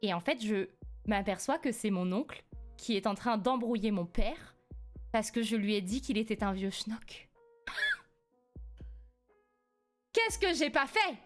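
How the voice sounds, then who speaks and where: A young woman from France in her twenties, streaming live and telling a family story in a casual, animated way, laughing often. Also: medium pitch, normal speed, faint music behind. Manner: animated, laughs often, rises sharply when indignant.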